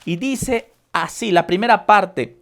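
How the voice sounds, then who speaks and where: Woman preacher, unhurried sermon delivery, storytelling with rhetorical questions. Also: mid-range voice. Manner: addresses listeners as brothers and sisters with rhetorical questions; retells the Bible story in a slow, deliberate storytelling way.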